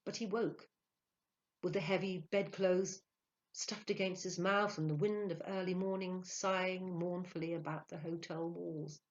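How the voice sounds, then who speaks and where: A woman narrating a literary short story aloud in an expressive, dramatic way, hushing for quiet moments. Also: fairly low pitch, a little slow, dull audio. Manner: expressive, dramatic, hushes for awe. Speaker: audiobook narrator.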